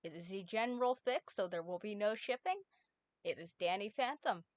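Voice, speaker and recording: Animated and speaking at a moderate pace, a streamer host with a mid-range voice chats casually with her audience. She reads a story summary aloud, giggles a lot and throws in playful swearing.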